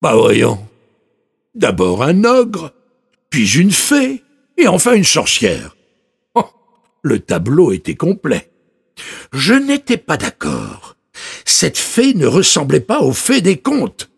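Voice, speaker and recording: A man narrating a children's story in an expressive way, with incredulous asides. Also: on the high side, takes it slowly, gravelly, pauses often, slightly rough.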